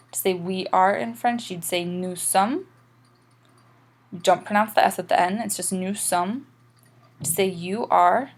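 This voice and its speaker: A woman teaching French grammar in a recorded lesson, explaining patiently and slowing down for examples. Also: mid-range voice, darkish tone.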